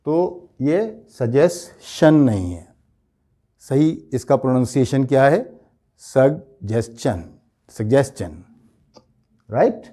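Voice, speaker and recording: Male English tutor, unhurried drilling delivery, relaxed dark tone. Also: medium pitch. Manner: slow, explanatory, repeats words to drill pronunciation. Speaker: English teacher. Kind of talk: spoken grammar lesson.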